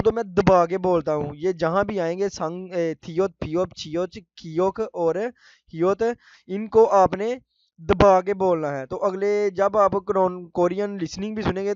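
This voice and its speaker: A man teaching a language lesson to viewers, calling them friends and repeating words slowly. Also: high voice, no echo, lo-fi sound.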